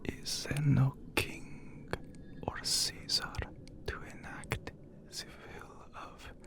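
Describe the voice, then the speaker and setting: A man voicing a haughty, courtly, immortal vampire count in a breathy, whispered ASMR roleplay, with formal, archaic phrasing. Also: slow pace, lightly acted. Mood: stern, suspicious.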